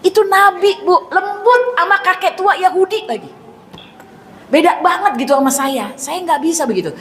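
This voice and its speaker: A middle-aged woman giving a mosque sermon, telling stories in a lively way and often speaking straight to the congregation. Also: very high voice, moderate pace, a little hiss or hum. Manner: lively storytelling, addresses the congregation constantly; acts out dialogue in raised voice. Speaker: preacher. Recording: echoey hall with faint ambience.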